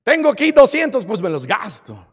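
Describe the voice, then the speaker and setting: A man's voice: sits high, wildly swooping pitch, moderate pace, a bit bright, husky, pitched above the performer's own voice, full character voice. A man voicing a careless gambler blowing his last money. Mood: reckless. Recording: long hall reverb.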